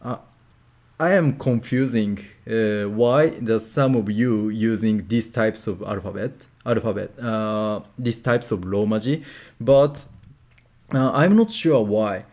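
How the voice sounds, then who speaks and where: A man with a Japanese accent teaching a casual language lesson, repeating syllables slowly for drills and saying "okay" often. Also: lowish voice, darkish tone.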